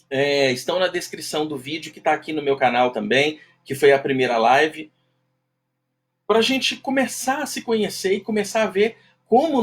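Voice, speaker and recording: A man's voice: on the high side, slightly rough. A man with a nasal, duck-like voice hosting a live-stream class in a casual, chatty way, greeting viewers by name. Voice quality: nasal, self-described duck-like voice. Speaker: live-stream host teaching self-knowledge.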